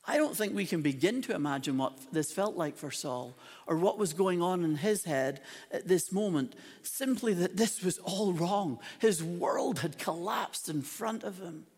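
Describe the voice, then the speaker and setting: Male preacher, high voice, dramatic and emphatic sermon delivery, long echo of a big hall. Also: lively intonation, a little slow, darkish tone, husky.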